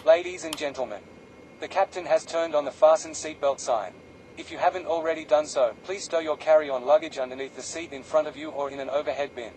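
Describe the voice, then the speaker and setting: A man reading scripted cabin safety announcements as a flight attendant, formal and measured. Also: fairly high pitch, darkish tone, slight background noise, rough recording.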